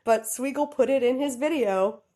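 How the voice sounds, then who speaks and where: A woman co-hosting a podcast, telling a story in casual chat, giggly and animated, talking straight to her listeners. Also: high voice, normal speed. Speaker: podcast co-host.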